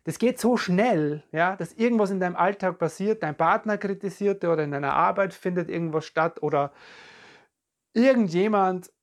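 A podcast coach giving a calm, reflective self-help talk straight to the listener, often searching for words and repeating phrases. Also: medium pitch, moderate pace. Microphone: podcast and video recording.

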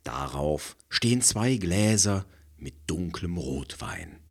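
A man narrating a scripted story scene in a calm, measured way. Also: low voice.

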